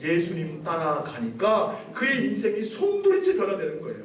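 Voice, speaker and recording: A man delivers a sermon as a pastor, often asking his congregation questions and pressing his points with emphasis. His voice sits a little high. He is picked up from a distance in a very echoey church hall. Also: wildly swooping pitch, normal speed. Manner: preaching with questions to the congregation, rising emphatic passages. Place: church sanctuary.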